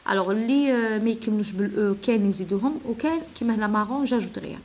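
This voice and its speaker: Husky Algerian woman teaching French grammar. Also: medium pitch, darkish tone. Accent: Algerian Arabic. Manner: mixes Algerian Arabic and French, slow dictation of French sentences. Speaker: primary school teacher. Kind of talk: explaining a French exam to pupils.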